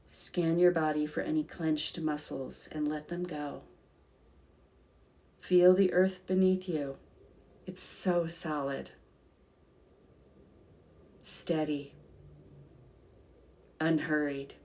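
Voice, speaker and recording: Low-pitched woman leading a calm grounding meditation. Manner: calm, soothing, gentle, unhurried with long pauses. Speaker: guided meditation leader.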